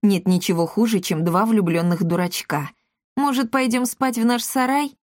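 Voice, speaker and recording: A woman's voice: mid-range voice, normal speed, dry recording, clean studio sound, close to an everyday voice. A woman voicing a grumpy male cat who scoffs in disgust, in a storybook reading.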